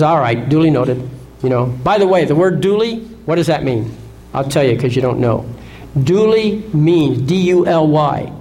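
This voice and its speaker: A seminar speaker with a fairly high, slightly mellow voice lectures an audience assertively, often posing rhetorical questions and checking in with "Okay?" The recording is rough, with a bit of hiss or hum.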